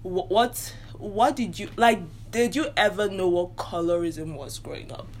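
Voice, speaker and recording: A young woman co-hosting a casual podcast, playful and quick to laugh. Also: mid-range voice, animated. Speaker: podcast co-host. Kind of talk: casual chat.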